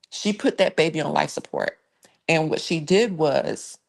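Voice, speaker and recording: A woman with a deep, low-set voice runs a casual true crime live stream. She talks bluntly and with emphasis, sighing and restarting as she goes, and breaks off to greet viewers and thank them for comments. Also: creaky.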